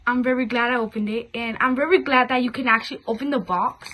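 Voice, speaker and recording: A woman's voice: fairly high pitch, steady tone, quick pace, pushed and bright. A woman chatting informally to her viewers as she hosts a casual toy unboxing vlog. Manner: informal, repeatedly addressing viewers as "guys". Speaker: host of a toy unboxing video.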